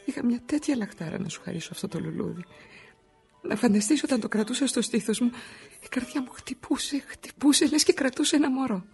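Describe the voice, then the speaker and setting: A woman's voice: mid-range voice, vocal fry, darkish tone, close to an everyday voice. An actress playing a frightened, exhausted immigrant wife of an injured worker, pouring out her fears in a radio drama. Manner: emotional, confessional monologue.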